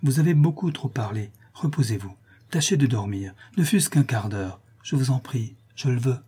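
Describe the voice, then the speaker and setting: Tender anxious noble marquise, read by a man, soft husky tone, pleads gently. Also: mid-range voice, animated, normal speed. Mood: pleading. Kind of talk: audiobook reading.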